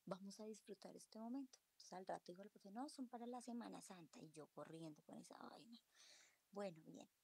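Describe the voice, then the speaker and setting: Woman, late 30s, confessional testimony over a video call, warm dark tone. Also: mid-range voice, animated, fairly quick, vocal fry, husky. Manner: emotional, confessional, often dropping to a whisper. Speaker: book club participant. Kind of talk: personal testimony in a group call.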